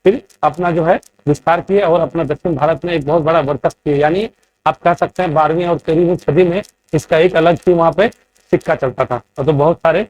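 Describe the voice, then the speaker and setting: Male coaching teacher, slightly high voice, lectures with a steady question-and-answer rhythm. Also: a little hiss or hum. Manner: asks quiz questions and answers them, keeps checking in. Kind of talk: classroom lecture.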